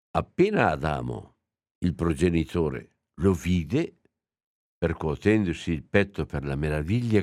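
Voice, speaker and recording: Slow, low-voiced Italian priest. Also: male voice, a little mellow, no room sound, clean studio sound. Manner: slow, reflective reading with hesitations. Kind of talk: homily with reading aloud.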